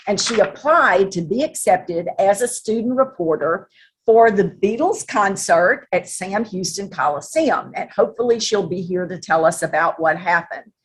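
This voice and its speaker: Chatty woman with a husky voice. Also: medium pitch. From North Louisiana. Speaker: host. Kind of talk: casual presentation.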